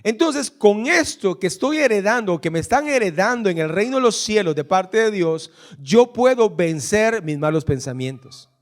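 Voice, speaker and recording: A man with a Guatemalan Spanish accent preaching a sermon as pastor in a church, reading scripture lists slowly and joking with the congregation. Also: high voice, lively intonation. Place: church hall.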